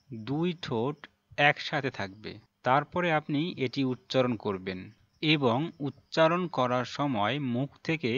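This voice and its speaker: A male teacher giving a pronunciation lesson, saying each sound slowly and twice over. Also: mid-range voice, fairly bright tone, no echo, dull audio.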